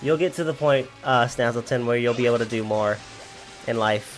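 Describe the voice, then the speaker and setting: A man's voice: medium pitch, fairly quick, faint music behind. A man in his twenties chatting casually on a gameplay livestream, rambling and laughing often as he reads chat. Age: 20s.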